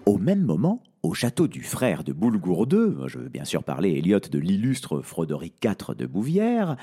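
A man narrating a children's audio story in a playful, expressive way. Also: low-pitched, moderate pace, slightly rough.

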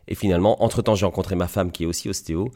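A man's voice: deep voice, steady tone, very fast, mellow. A man in his forties from Belgium, an osteopath telling his story as an interview guest, hesitant with many fillers and restarts. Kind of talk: conversational interview.

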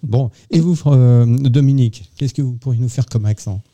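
A man's voice: medium pitch, normal speed, warm tone. A man hosting a radio interview, joking and teasing his guests. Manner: jovial, teasing questions. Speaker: radio host. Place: radio studio.

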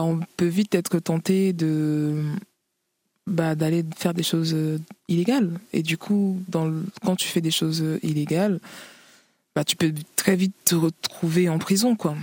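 A woman's voice: low voice, a little mellow, no room sound. A woman author from the Paris region, interviewed, speaking hesitantly with many fillers and frequent laughs. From Paris region, France. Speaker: author guest. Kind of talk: interview conversation.

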